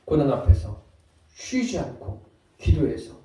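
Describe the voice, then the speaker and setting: A man preaching a Sunday sermon as pastor, acting out quoted lines and swinging from loud to soft. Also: on the high side, sing-song, unhurried. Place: church sanctuary. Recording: echoey church hall from far off. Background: congregation answering amen.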